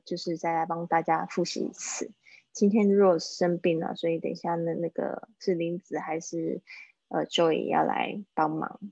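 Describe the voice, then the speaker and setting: A woman teaching English phrases in a live-streamed lesson, chatting and slowly repeating phrases for practice. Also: fairly low pitch, gravelly, a little mellow, breathy edge, no room sound, lo-fi sound.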